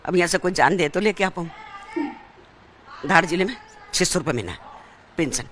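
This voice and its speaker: A woman's voice: lowish voice, expressive, moderate pace, a bit bright, slight background noise. An older woman from Madhya Pradesh, an old-age home resident, answering an interviewer in a rambling way full of family and money details. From Dhar district, Madhya Pradesh.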